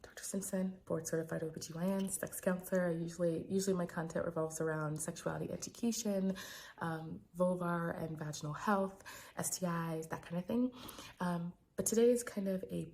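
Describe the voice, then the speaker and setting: An American woman talks quietly but clearly to her viewers in a reflective, hesitant video diary. Her voice sits a little low with a noticeable creak. There is faint noise in the home recording. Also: steady tone, brisk. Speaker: physician vlogger. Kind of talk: personal video diary, casual monologue.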